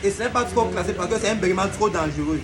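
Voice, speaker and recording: With a crowd audible in the background, a high-voiced man speaks fast as he hosts a casual comedy video. He plays around while explaining, acting out all the examples himself with stutters.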